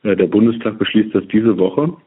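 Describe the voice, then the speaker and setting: Man on a low-quality phone line. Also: husky. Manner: steady, deliberate explaining with frequent fillers. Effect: low-quality phone-line sound. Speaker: politician guest. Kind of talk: remote podcast interview.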